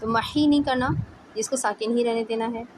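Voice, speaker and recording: A woman teaching tajweed one-on-one, patiently explaining letters and demonstrating each sound slowly. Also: a little high, steady tone, background noise. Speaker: Quran recitation teacher.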